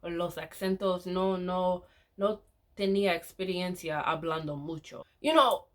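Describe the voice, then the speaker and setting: Slow, hesitant woman vlogging in learner Spanish. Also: fairly low pitch, a bit bright. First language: English. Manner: hesitant, self-correcting, mixes in English. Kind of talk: casual vlog in learner Spanish.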